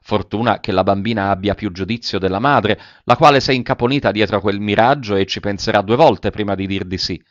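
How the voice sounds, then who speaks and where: A man's voice: fairly low pitch, a little fast, hardly any pauses, no room sound, highs cut off, natural voice. A man voicing an ironic, gossiping aristocratic countess in a read-aloud novel, with a dry chuckle in his delivery.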